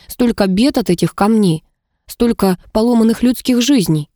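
A woman reading a first-person fantasy audiobook in a measured, expressive way. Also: fairly high pitch, no echo, clean studio sound. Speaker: audiobook narrator.

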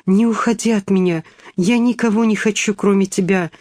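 A woman voicing a frail, dying young boy who speaks softly and weakly. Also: mid-range voice, fairly even intonation, normal speed, dry recording, studio quality, lightly acted. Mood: fading, tender. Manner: soft, weak, hushed speech.

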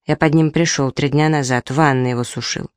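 A woman's voice: low voice, fairly even intonation, brisk, clean tone, no room sound, natural voice. A woman reading the lines of a short-tempered young husband aloud from a story, in a dry room. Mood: irritated. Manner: short-tempered, snapping, rude. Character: irritable young husband, thirty.

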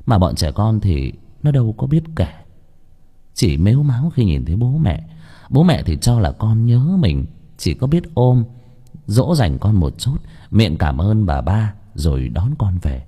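A man narrating an audiobook story in an expressive storytelling manner. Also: lowish voice, a little slow, slightly rough.

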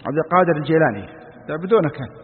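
A high-voiced man teaches a religious lesson at a rapid clip, fervent and full of rhetorical questions. The sound is thin and phone-like, with a long hall reverb trailing behind him. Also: expressive. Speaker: sheikh explaining a text.

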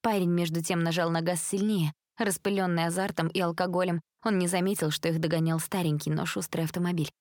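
A woman narrating a story aloud in a steady storytelling manner. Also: fairly low pitch, brisk, few pauses, no room sound, clean studio sound. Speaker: reader.

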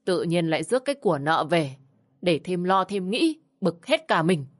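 A woman's voice: on the low side, very animated, normal speed, no room sound, clean studio sound. A woman voicing a bossy, contemptuous older mother-in-law who scolds and sneers. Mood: scolding.

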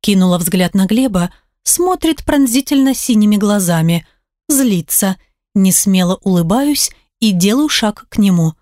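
Woman narrating an expressive audiobook. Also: medium pitch, unhurried, dry recording, studio quality. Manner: expressive, voices characters. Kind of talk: audiobook reading, first-person narration.

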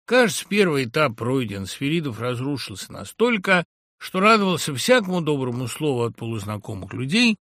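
A man reading a novel aloud as an audiobook narrator, expressive and acting out many characters. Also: medium pitch, brisk, dry recording, studio quality.

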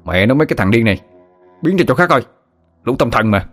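A man voicing a rude, hot-tempered young boyfriend who snaps in a shrill, scornful voice. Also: animated, fast, faint music behind, natural voice. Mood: angry.

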